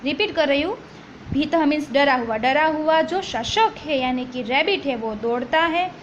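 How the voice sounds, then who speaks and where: A woman's voice: sits high, a little slow. A woman teacher explaining a textbook story line by line, mixing languages and often checking with "ठीक है?". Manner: switches between languages, repeats and checks "ठीक है?". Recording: dull lo-fi recording with faint noise.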